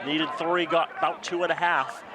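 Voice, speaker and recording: A man doing live play-by-play American football commentary, with excited, drawn-out touchdown calls, in a noisy outdoor stadium. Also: on the high side. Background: crowd and loud outdoor ambient noise.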